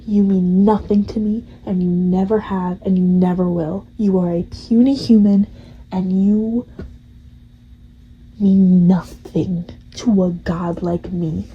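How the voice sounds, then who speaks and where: A woman's voice: lowish voice, steady tone, slow, highs cut off, a little hiss or hum. A woman voicing a cold, cruel male god who mocks a human in a retold game story. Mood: cold contempt. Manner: mocking, contemptuous.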